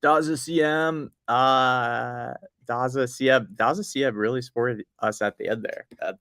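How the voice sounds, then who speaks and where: A man's voice: mid-range voice, steady tone, unhurried, sharp tone, clean tone, no room sound, studio quality. A man from Boston with a light Boston accent, co-hosting a casual show in a laid-back, rambling way. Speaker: co-host. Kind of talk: casual podcast chat.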